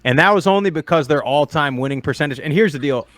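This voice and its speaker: A man's voice: on the high side, fast talker, a bit bright, dry recording. A man co-hosting a casual sports podcast who jokes and teases the other hosts. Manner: joking, teasing. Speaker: podcast co-host.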